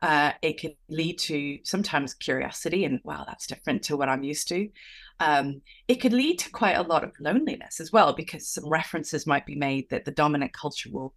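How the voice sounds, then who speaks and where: A Venezuelan-born woman, a coach and author, gives reflective interview answers in a low, animated voice at a brisk pace. She restarts often and uses many fillers.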